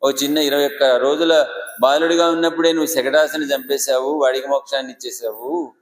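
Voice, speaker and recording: A man's voice: mid-range voice, steady tone, fairly quick, close to an everyday voice. A man voicing a shrewd old male curd seller who bargains and teases while telling a sermon story. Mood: bargaining. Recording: echoey hall reverb.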